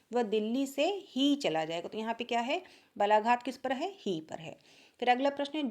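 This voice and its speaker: A woman teaching a Hindi grammar exam-prep lesson. She asks each question, then answers it lower and softer, and repeats key points to check understanding.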